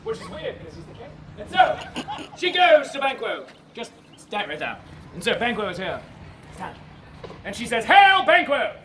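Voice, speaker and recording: A man telling a story to a live festival crowd as a comedy performance, giving his volunteers animated stage directions and shouting now and then. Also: high-pitched, moderate pace, slight background noise. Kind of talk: live audience-participation comedy retelling. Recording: far-off echoey outdoor crowd recording.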